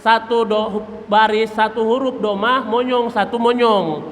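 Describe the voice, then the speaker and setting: Guy teaching quran recitation in a mosque, slow and patient, chants the verses, long echo and faint hiss. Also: high voice, fairly even intonation, a bit bright. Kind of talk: tajwid lesson with chanted examples. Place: mosque hall. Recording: reverberant mosque hall, faint noise.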